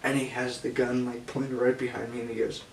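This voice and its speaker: A man's voice: medium pitch, level tone, fairly quick, gravelly. A young man casually telling a wild story in an interview, laughing often and swearing freely. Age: young adult. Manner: laughs often, profane, loose retelling. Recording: echoey room, mic far off, faint hiss.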